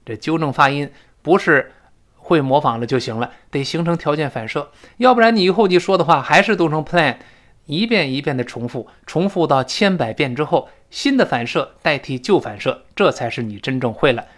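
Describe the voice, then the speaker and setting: A male English teacher speaks, his pitch sitting a little high and swinging widely as he explains. He breaks English phrases into slow, repeated drills, and sometimes acts out a quoted line in an excited voice. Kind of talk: spoken English lesson.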